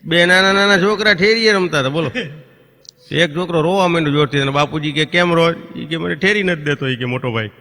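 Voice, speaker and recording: Bright-voiced comedian on a reverberant stage. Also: male voice, on the high side. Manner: storytelling with quick voiced impressions of neighbours and children. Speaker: stand-up comedian. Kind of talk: Gujarati folk comedy routine. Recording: long reverb of a stage hall.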